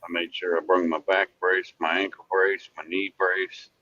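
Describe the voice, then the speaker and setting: A man's voice: low voice, little pitch movement, normal speed, pushed and bright, no room sound, dull audio. A middle-aged man with a folksy hillbilly drawl, chatting casually as he drives. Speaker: vlogger, warehouse worker. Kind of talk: casual rambling chat while driving. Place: inside a vehicle while driving.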